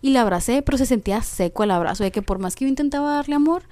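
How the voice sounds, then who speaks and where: A woman's voice: fairly high pitch, lively intonation, rapid-fire, dark tone, slight background noise. A woman with a Mexican accent hosting a podcast, casually telling a personal story in slangy speech and acting out the dialogue. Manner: slangy, acts out quoted dialogue. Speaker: podcast host.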